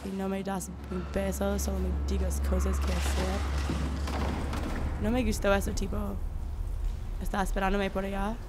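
A woman doing horror game commentary who talks in a nervous, frightened, halting way. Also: medium pitch, level tone, over music. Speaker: let's player.

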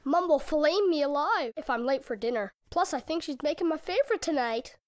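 A man doing a high, eager young fish. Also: expressive, a little fast, a little hiss or hum. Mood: curious. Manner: high, wide-eyed youthful voice.

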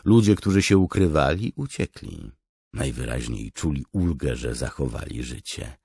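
Deep gravelly guy reading a fantasy audiobook, bit husky, dry studio sound. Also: expressive, moderate pace, darkish tone, dry recording. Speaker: audiobook narrator. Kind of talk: scripted fantasy narration.

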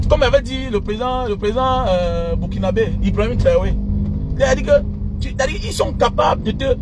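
A very high-pitched man in his thirties, a social media commentator with a Cameroonian French accent whose first language is an African mother tongue, rants informally to his followers from inside a car. He sounds animated, indignant and mocking. The phone is held at arm's length, and the car interior is noisy with road traffic.

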